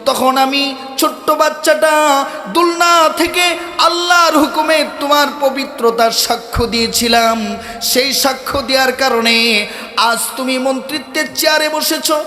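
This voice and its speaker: A man preaching, acting out a bold young man who loudly pleads to be recognized. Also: very high voice, measured pace, soft background music, heavily acted. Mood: pleading, indignant. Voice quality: loud, declaiming. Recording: echoey hall over loudspeakers.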